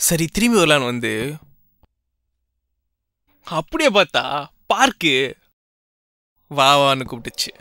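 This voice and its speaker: A man's voice: on the high side, big pitch swings, a little slow, long pauses, pushed and bright, dry recording, heavily acted. An actor playing a sentimental, talkative young man who is in love and tells his friends about it. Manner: emotional, rambling storyteller among friends. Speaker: young office worker in love. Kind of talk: short film acting. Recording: music playing behind.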